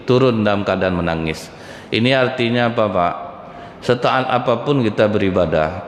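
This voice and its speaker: A male preacher, giving a lively sermon full of stories and constantly addressing the audience as sir and madam. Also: on the low side, slight background noise. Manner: addresses audience as Pak and Bu constantly, acts out quoted voices, jokes. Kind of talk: lively mosque sermon with storytelling. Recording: echoey hall with faint ambience.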